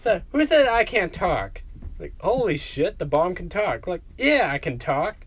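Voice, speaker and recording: A man's voice: high-pitched, very animated, unhurried, slight background noise, pitched above the performer's own voice. A man voicing a cocky, foul-mouthed talking bomb with a brash, boastful manner.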